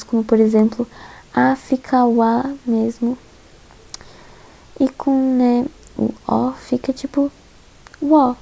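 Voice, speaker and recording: A woman's voice: fairly high pitch, dark tone, poor audio. A young woman from Brazil casually walking viewers through lesson slides, chatty and a bit hesitant, with frequent fillers and giggles. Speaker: host teaching Korean alphabet.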